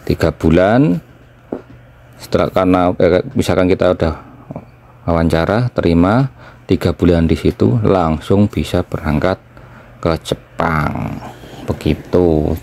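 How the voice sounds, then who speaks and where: A man from Indonesia explaining things in a casual chat as he eats, with pauses between phrases. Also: deep voice, gravelly, a little mellow. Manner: talking while eating, with pauses. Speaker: vlogger, former trainee in Japan.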